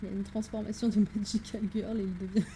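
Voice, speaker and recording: A woman's voice: mid-range voice, level tone, quick pace, mellow, a little hiss or hum. A woman streaming a video game, joking and chatting casually and laughing at herself as she plays. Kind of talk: casual gaming stream commentary.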